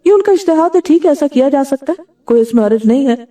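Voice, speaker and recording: A woman's voice: high voice, lively intonation, quick pace, dark tone. Woman preaching a sermon from a distance. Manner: asks the audience questions and answers them herself; recites Arabic verses and hadith, then explains them. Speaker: Islamic scholar giving a religious talk.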